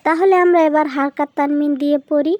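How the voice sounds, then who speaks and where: A woman's voice: sits high, fairly even intonation, brisk, darkish tone, dry recording, dull audio. A woman teaching Quran reading to children in a voice-over lesson, patiently spelling out each syllable and repeating it. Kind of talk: slow spelling-drill lesson narration.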